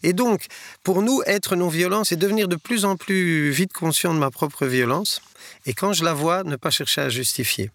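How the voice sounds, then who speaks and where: Man, middle-aged, earnest measured explaining, fairly high voice. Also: fairly bright tone. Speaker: guest, nonviolence trainer. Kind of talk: reflective interview answers.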